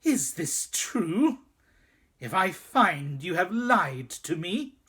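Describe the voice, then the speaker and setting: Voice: mid-range voice, very animated, extremely slow, fairly bright tone, breathy edge, pitched above the performer's own voice, heavily acted. A storyteller voicing a cruel, imperious witch queen who speaks in a raised, commanding voice. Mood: alarmed.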